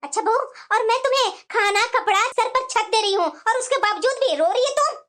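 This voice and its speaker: A woman's voice: extremely high pitch, a little fast, fairly bright tone. A woman playing a taunting, bossy cartoon mother-in-law. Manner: mocking, scolding tone. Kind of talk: cartoon voice acting.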